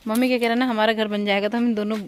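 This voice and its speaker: A woman's voice: a little high, level tone, very fast, slight background noise, poor audio. A woman in her thirties chatting to viewers in a casual home vlog, recorded outdoors at a village home. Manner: chatty, addresses viewers directly. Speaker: vlogger.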